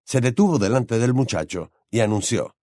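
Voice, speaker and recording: A man narrating an audiobook in an expressive storytelling style. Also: mid-range voice, normal speed, no room sound, clean studio sound.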